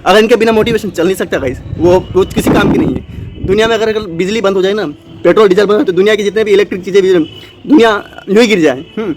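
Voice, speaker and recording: A man's voice: high-pitched, quick pace, background noise. A man giving an unscripted motivational talk to exam students, rambling with many fillers and restarts. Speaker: motivational channel host.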